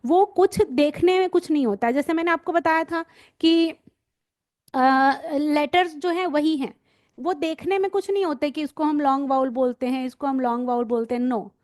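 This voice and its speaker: A woman with a high, somewhat mellow voice leads a phonics lesson for parents and teachers, recorded at studio quality with no room sound. Slowly and with repetition, she draws out each letter sound for her audience to copy.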